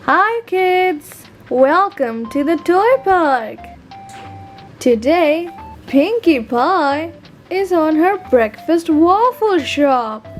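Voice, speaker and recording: A woman narrates a children's storybook tale in a very high, lilting voice. She takes her time, with a lively sing-song rise and fall, and faint music plays in the background. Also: very slow. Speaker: host and storyteller.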